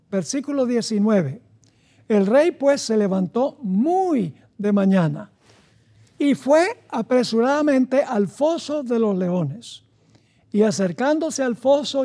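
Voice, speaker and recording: A man delivers a sermon at an unhurried, measured pace. He reads scripture passages aloud, pausing to explain them and to ask his listeners questions. His voice is soft and dark. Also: very high-pitched. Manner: reads scripture aloud and pauses to comment, asks the audience questions. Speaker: pastor. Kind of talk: sermon with Bible reading.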